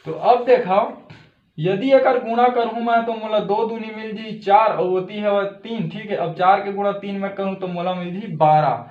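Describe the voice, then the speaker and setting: A man's voice: high voice, fairly even intonation, moderate pace, roomy sound, lo-fi sound. A man with a Chhattisgarhi accent teaching a step-by-step math lesson, often checking in with "thik hai".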